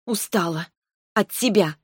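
A woman's voice: medium pitch, expressive, moderate pace, no room sound, clean studio sound, lightly acted. A woman voicing a stubborn young heroine who answers back sharply in an audiobook. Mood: defiant. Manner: defiant, sharp-tongued.

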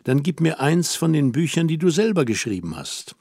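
A man reading the part of a lively, playful young woman who muses and coaxes gently, as in an audiobook. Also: on the high side, moderate pace, no room sound, studio quality. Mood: musing, coaxing.

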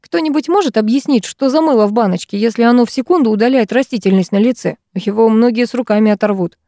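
A cheerful, joking husband, as a woman reader puts him on, teasing in a lighthearted way. The voice is mellow and fairly high, recorded dry and close. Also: fast, dry recording, lightly acted. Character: cheerful joking adult man, a detective husband. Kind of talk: audiobook character voice.

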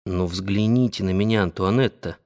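A man reading the lines of a confident wealthy financier, speaking softly and persuasively. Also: low-pitched, normal speed, voice pushed down. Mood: coaxing. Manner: soft, gently persuasive. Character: confident wealthy male financier, tender and coaxing.

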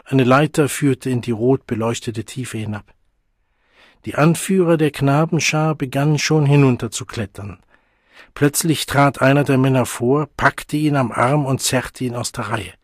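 A man narrating a novel as an audiobook in a measured, dramatic storytelling manner. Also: medium pitch, slightly rough, no room sound, clean studio sound. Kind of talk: scripted narration.

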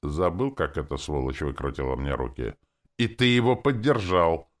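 Dude doing a cynical swearing tracker guy, really deep voice, jumpy pitch. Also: animated, moderate pace. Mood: angry. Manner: cold, swearing. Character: cynical male tracker, cold and foul-mouthed. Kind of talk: audiobook character reading.

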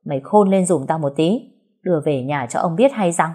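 A man's voice: a little high, animated, fairly quick, mellow. A woman voicing a spoiled, cowardly young rich man who barks orders and threatens. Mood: threatening. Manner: bossy, threatening.

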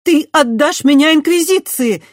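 An audiobook reader voicing a proud, defiant condemned witch woman who speaks in shrill, fierce outbursts. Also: measured pace, warm tone, husky, dry recording, studio quality. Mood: outraged. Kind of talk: audiobook character voice.

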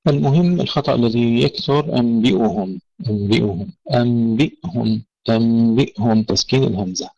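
A man teaching Quran recitation rules, correcting common mistakes and slowly demonstrating the right pronunciations. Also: medium pitch, creaky, dark tone, dry recording. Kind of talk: tajweed lesson. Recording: dull lo-fi dry recording.

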